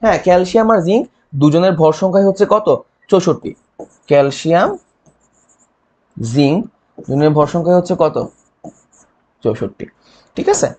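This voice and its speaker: A man's voice: high voice, fairly quick, pauses often, a little mellow. A young man with a Bangladeshi Bengali accent teaching chemistry exam prep, quizzing students with rhetorical questions and mnemonics and checking in often. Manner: frequent "ঠিক আছে?" check-ins. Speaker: chemistry tutor. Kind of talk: online exam-prep lecture.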